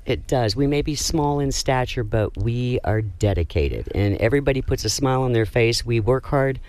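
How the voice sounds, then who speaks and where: Mid-pitched casual radio interview guest, male. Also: expressive, moderate pace, a little mellow, no room sound. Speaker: restaurant representative, interview guest.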